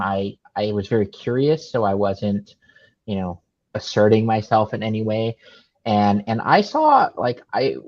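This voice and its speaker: A man's voice: mid-range voice, muffled recording. A man talking casually and hesitantly as a guest, stopping and restarting his sentences. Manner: hesitant, halting starts. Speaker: guest kung fu master. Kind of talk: casual chat on a live show.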